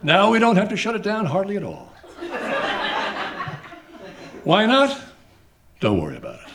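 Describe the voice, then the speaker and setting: A man playing a flustered, evasive transit official, loudly addressing a crowd at an event in a live comic radio play. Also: high-pitched, noisy background, heavily acted. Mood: falsely breezy. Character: flustered, evasive male transit official running a public meeting.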